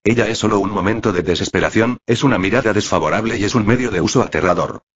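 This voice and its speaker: A man reading a translated web novel aloud in a flat, machine-like way. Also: fairly low pitch, fast talker, slightly rough. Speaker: narrator. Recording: dull lo-fi audio.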